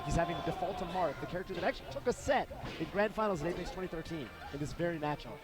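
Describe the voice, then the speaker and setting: A man giving excited play-by-play commentary on a tournament match. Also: on the high side. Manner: excited, fast exclamations. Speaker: esports commentator. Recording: broadcast with loud crowd and music.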